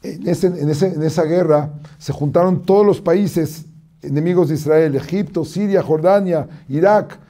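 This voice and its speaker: A rabbi teaches in a storytelling way, his fairly high voice mellow and soft-edged. He restarts phrases often and throws his voice up when he acts out cries. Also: moderate pace. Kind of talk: sermon-style teaching talk.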